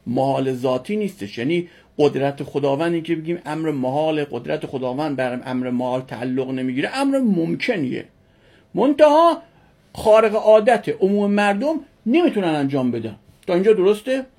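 Husky woman teaching a religion class. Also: low-pitched, expressive, darkish tone. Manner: asks the class questions and answers them, with emphatic repetition. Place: classroom with students.

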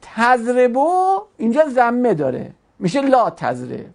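A woman's voice: fairly high pitch, huge pitch swings, creaky, a little mellow. A woman teaching an Arabic grammar class, patiently explaining step by step with examples. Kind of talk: online class, explaining verb conjugation.

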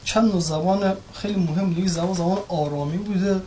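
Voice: mid-range voice, warm tone. A participant in a class discussion, speaking hesitantly and searching for words. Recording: distant mic with faint noise.

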